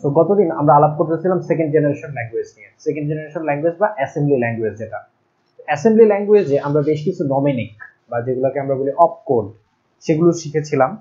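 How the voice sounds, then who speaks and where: A young man teaching programming, explaining step by step and pausing to write things out and correct himself. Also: fairly high pitch, animated, mellow. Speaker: ICT teacher. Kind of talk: recorded classroom lecture. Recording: dull lo-fi recording.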